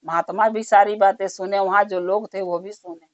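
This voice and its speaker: A woman's voice: mid-range voice, steady tone, normal speed, no room sound. A woman narrating a devotional story in a plain, conversational way. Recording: dull muffled recording.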